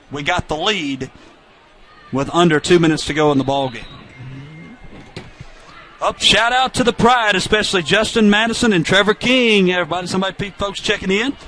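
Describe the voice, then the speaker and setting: A man doing chatty play-by-play for a high school football game, reading out viewer shout-outs between plays. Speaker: play-by-play announcer.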